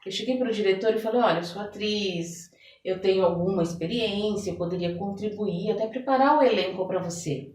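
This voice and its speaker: A Brazilian woman, a therapist and theater director, answers conversationally as an interview guest in a brisk, mid-range voice. Her storytelling is expressive, and she often seeks agreement with tags. The recording is in an echoey room with a distant microphone, so she sounds far away.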